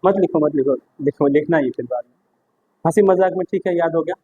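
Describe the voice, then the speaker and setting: A man's voice: a little high, a little fast, breathy edge, narrow, tinny audio. A male teacher giving a classroom history lesson, chatty and joking as he quizzes students. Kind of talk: classroom lecture.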